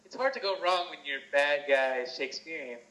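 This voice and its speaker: Bright-voiced man chatting about movies. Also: a little high, lively intonation, brisk. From grew up in several countries, born in Venezuela. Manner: knowledgeable, informative movie fan. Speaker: podcast co-host. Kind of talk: casual chat. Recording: roomy echo.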